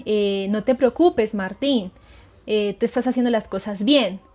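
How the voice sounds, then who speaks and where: A woman voicing a sly male demon who tempts a saint with flattery. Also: mid-range voice, unhurried, close to an everyday voice. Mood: coaxing. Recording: dull lo-fi sound.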